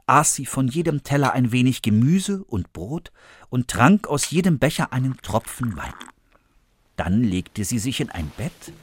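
A man reading a fairy tale aloud for children with expressive, lively storytelling. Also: medium pitch. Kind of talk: scripted storybook narration for children.

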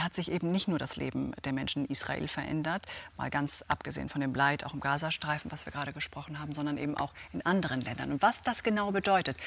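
A woman's voice: low voice, gravelly, a bit bright. A woman hosting a TV talk show, chatting with her guest and leading into a report. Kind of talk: conversational interview, moderation.

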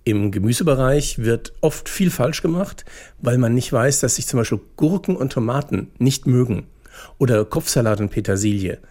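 A male radio host presenting scripted satire. His voice is mellow and dark, and his delivery is wry and deadpan. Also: mid-range voice, normal speed.

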